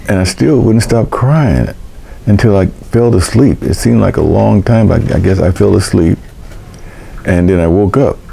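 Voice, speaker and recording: Deep gravelly older man telling a story. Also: dark tone, slight background noise. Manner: halting, repeats words and restarts; emotional recollection. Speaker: vlog host. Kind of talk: personal storytelling.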